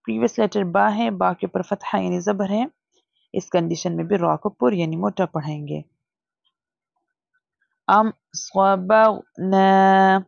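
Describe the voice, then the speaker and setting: A woman teaching Quran reading, drawing out each syllable slowly for practice, then explaining the rules quickly and dropping English phrases into her talk. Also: medium pitch, gravelly, darkish tone, dry recording, highs cut off. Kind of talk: recorded reading lesson.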